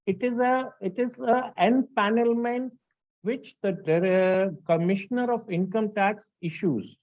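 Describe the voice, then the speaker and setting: A man's voice: high-pitched, unhurried. The recording is a bit dull and lo-fi. A man speaks as a lecturer, formally explaining and answering. He often repeats a phrase to drive it home. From India. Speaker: lecturer, registered valuer. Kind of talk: explanatory lecture with back-and-forth questions.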